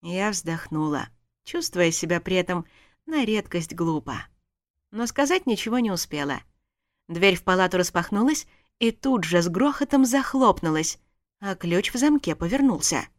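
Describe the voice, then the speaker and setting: A woman's voice: fairly low pitch, animated, moderate pace, dry recording, clean studio sound. A woman narrating a first-person story as an audiobook, reading expressively.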